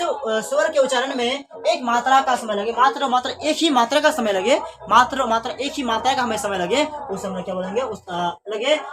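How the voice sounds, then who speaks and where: Woman teacher repeating her own questions. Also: a little high. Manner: repeats questions and answers them herself. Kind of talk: grammar lesson for students.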